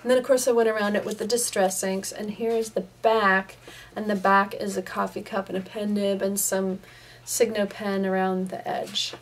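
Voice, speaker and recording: A woman's voice: mid-range voice, level tone, moderate pace, distant mic, slight background noise. A woman casually showing her handmade paper crafts to viewers, chatting loosely with frequent ums. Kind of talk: casual craft show-and-tell. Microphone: camera pointed at her hands, away from her face.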